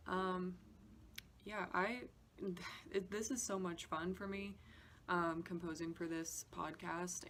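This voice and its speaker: A podcast composer with a lowish voice gives a casual behind-the-scenes walkthrough, explaining things informally and a little hesitantly. Music demo clips play behind her, and there's slight background noise.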